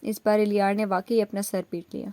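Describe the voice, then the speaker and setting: Reading a romance novel aloud, a female audiobook narrator keeps a steady storytelling manner. Her pitch is medium, and there's no room sound.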